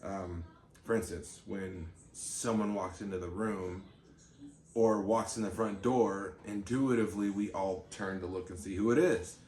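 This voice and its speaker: A man co-hosting a casual chat, explaining things in a relaxed, rambling way with many fillers. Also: low-pitched, a little slow. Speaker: channel co-host, parent. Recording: roomy with faint background noise.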